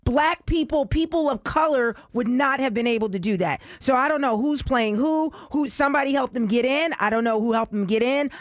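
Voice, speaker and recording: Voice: medium pitch, dry recording. Blunt talk radio co-host, dry studio. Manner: blunt, emphatic, a bit halting with restarts.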